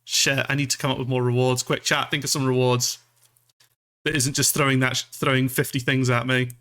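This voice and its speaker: Male VTuber from Scotland, bright voice, mid pitch, loose rambling livestream chat, self-deprecating, sweary. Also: flat delivery, a little fast. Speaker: streamer, VTuber.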